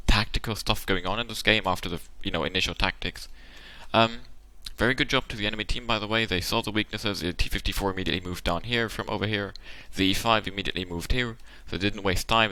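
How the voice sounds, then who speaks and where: A man with a tired, worn-out voice talks through game tactics on his channel. His voice is pitched a little low but has a bright, forceful edge. He lays out option after option, thinking aloud as he goes, recorded close and dry at a desk mic. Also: fairly even intonation, fast, hardly any pauses, dry recording. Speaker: channel host analysing a game replay. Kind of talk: casual tactical commentary.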